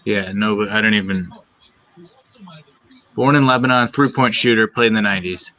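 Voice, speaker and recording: A man's voice: fairly low pitch, normal speed, bright, forceful tone. A man guessing as a trivia contestant on a casual podcast, speaking bluntly and teasing the others. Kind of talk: casual chat.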